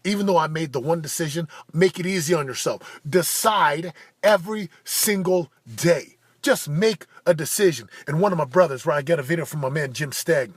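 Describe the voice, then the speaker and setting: A man in his forties giving a punchy, emphatic motivational monologue that builds to shouted declarations. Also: a little high, moderate pace, slightly rough, no echo. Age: 40s. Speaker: motivational speaker.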